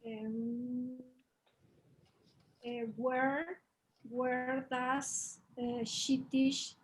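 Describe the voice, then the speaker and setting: A woman answering in class softly and hesitantly, speaking English with a Mexican Spanish accent. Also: high voice, level tone, drawn-out words, slight background noise, poor audio. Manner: soft, hesitant. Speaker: student.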